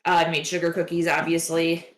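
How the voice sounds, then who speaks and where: A woman's voice: on the low side, completely flat delivery, a little fast, roomy sound. A woman hosting a baking livestream, chatting casually and rambling with lots of "like" fillers. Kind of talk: casual chat while baking. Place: home kitchen.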